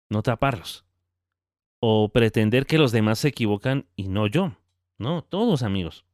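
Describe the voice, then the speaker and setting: A man hosting a podcast who tells a Bible parable in a lively, conversational devotional talk. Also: medium pitch, no room sound, studio quality. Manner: conversational, animated storytelling with tag questions. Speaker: podcast host.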